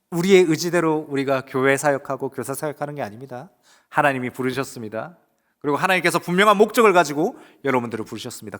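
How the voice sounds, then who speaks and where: Fervent Korean pastor preaching. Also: male voice, on the high side. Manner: emphatic preaching with rising exclamations and quiet asides; asks the congregation rhetorical questions. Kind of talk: sermon.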